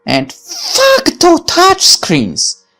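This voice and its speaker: This woman's voice is very high-pitched, swooping wildly in pitch and stretching out her words, with a somewhat bright tone over faint background music. She's a let's player reading a visual novel aloud, interrupting herself with blunt, opinionated, exclamatory remarks and plenty of swearing.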